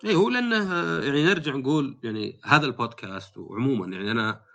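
A man's voice: mid-range voice, rapid-fire, highs cut off. A man hosting a podcast, talking casually and telling stories with animation. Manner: animated storytelling. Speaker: podcast host.

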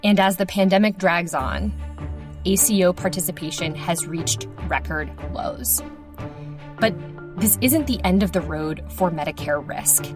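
A woman hosts a podcast and reads through a scripted news roundup with a calm, measured delivery. Her voice sits fairly low, and music plays clearly behind her. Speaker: podcast host. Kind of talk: scripted news segment reading.

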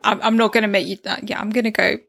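Woman, podcast host, casual chat, teasing, mid-pitched voice. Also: level tone, fast talker, vocal fry, fairly bright tone, breathy edge.

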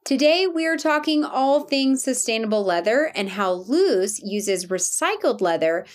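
A woman's voice: on the high side, animated, unhurried. A woman hosting a podcast, bubbly and enthusiastic, gushing as she reads her intro and interviews a guest. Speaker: podcast host.

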